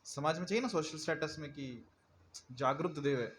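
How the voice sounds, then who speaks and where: A man's voice: fairly high pitch, normal speed, a little hiss or hum. A male preacher giving a sermon in a conversational manner, often asking his listeners questions. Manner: conversational, asks the audience questions.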